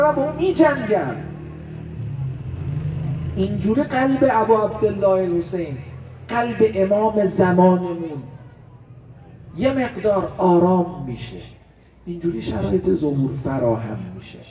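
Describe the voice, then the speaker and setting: A man, a cleric, preaching a religious sermon to a gathering with impassioned rhetoric that swings between loud and quiet. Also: high-pitched. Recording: echoey room, distant mic, faint hiss.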